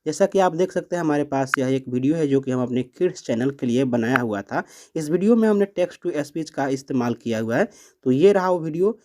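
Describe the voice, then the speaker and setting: With some background noise behind him, a tutorial host with a slightly high voice walks viewers through an app one step at a time. His manner is instructional, and he speaks to his audience like friends.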